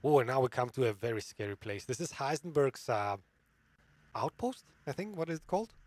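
Lively chatty man streaming a game. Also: mid-range voice, a little fast, no echo. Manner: chatty, laughs often, reads chat aloud. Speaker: gaming streamer. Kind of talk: live gameplay commentary.

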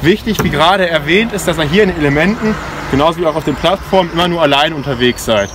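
Talking fast in a fairly high voice, a 20-something man leads an informal, explanatory safety briefing and demonstration as a climbing instructor. It's outdoors at a forest ropes course, captured by a camera mic a few steps away along with clear outdoor noise, passing vehicles and clinking gear.

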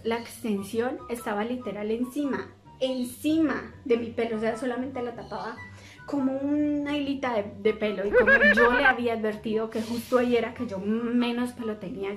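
A young woman, a beauty vlogger telling a storytime monologue and acting out the people she quotes. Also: medium pitch. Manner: animated, acts out quoted dialogue.

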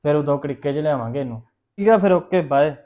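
A man's voice: a little high, expressive, fast, lightly acted. A man playing a scheming, short-tempered husband who talks brusquely and keeps cutting in. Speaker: husband on a phone call. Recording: phone-like narrow sound.

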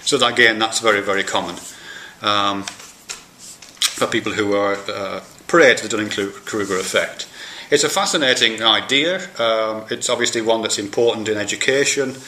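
A man's voice: on the low side, normal speed, sharp tone. A man, an academic lecturer, reading out points and explaining them informally with fillers and restarts. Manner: reads points aloud then explains casually, with fillers. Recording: echoey room with faint noise.

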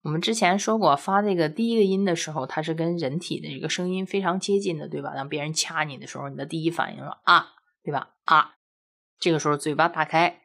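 A woman teaching a recorded language lesson, patiently explaining step by step and drilling syllables aloud slowly, with many rhetorical questions. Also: sits low.

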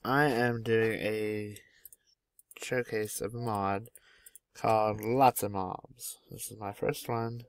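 Slow, gravelly-voiced young man gaming. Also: fairly low pitch, steady tone, no room sound. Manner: chatty, easily delighted, naming animals as they appear. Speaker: gaming YouTuber. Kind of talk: casual gameplay commentary. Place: at home.

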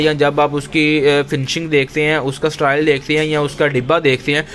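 A somewhat high-voiced man walks viewers through a product demo as a shopkeeper, talking casually and peppering his speech with little agreement fillers. He is recorded on a camera mic indoors in a tool shop, with faint noise in the background. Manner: conversational, repeats "theek hai" as a filler. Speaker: shopkeeper reviewing machines.

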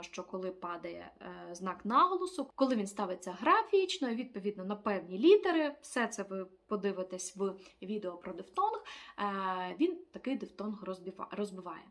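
A woman teaching an online language lesson, explaining step by step with frequent filler pauses. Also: mid-range voice, fairly bright tone.

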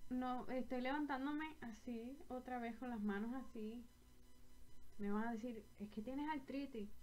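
A young woman from Puerto Rico, speaking with a Puerto Rican Spanish accent, chats to her webcam from a small bedroom as a knitting vlogger. Her voice sits slightly high with a darkish tone, and she rambles chattily, often correcting herself mid-phrase. The recording quality is low.

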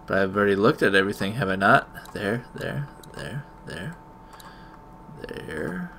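A man gives casual video game commentary at a slow pace. His voice is gravelly with a forceful edge. He mutters mild exclamations to himself over faint game noise. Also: lowish voice, lively intonation. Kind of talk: casual let's-play commentary. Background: video game sound.

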